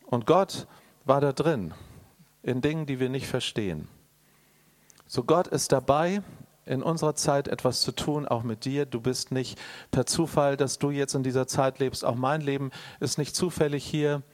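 A man preaching a sermon, addressing the congregation directly and swinging between loud emphatic bursts and quiet, intimate asides. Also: mid-range voice, moderate pace. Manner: addresses the listener directly and personally.

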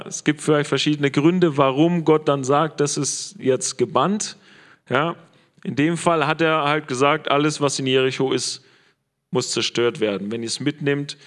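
A man's voice: medium pitch, a bit bright. A man preaching a sermon in a casual, conversational way, often checking in with his listeners. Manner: casual, conversational, frequent "ja?" tag questions.

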